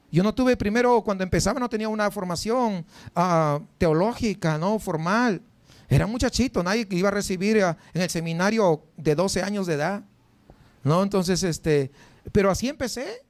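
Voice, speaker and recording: High-voiced pastor telling stories. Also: male voice, gravelly, no echo. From Mexico. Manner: conversational, animated storytelling with many rhetorical questions and filler words. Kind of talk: sermon.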